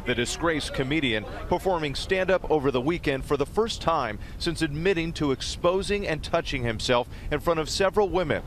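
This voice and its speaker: A man, a news reporter, reading a TV news segment in a crisp broadcast delivery. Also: a little high, expressive, a little fast, few pauses.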